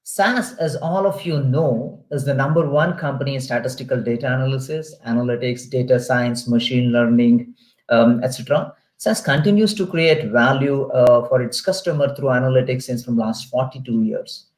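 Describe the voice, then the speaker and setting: A man with an Indian English accent giving an online webinar lecture in a steady, explaining way with many fillers. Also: medium pitch, moderate pace, roomy sound. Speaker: guest lecturer. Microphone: video call.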